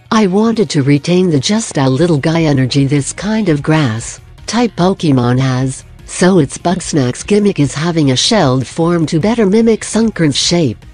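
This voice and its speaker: Narrator, scripted voice-over, mid pitch, deadpan jokes, soft music bed. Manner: dry, self-deprecating humor. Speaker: art video narrator.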